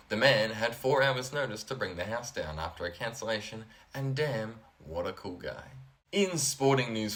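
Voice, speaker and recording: A man's voice: medium pitch, fairly bright tone. A man hosting a comedy show, delivering a scripted monologue in a dry, sardonic way. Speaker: host.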